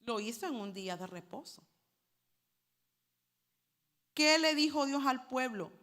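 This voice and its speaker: A woman preacher delivers a sermon, calling her listeners brothers as she teaches. Her voice is bright and fairly high. It rings with long reverb in a church hall. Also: expressive, normal speed. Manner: addresses congregation as brothers, teaching Hebrew words.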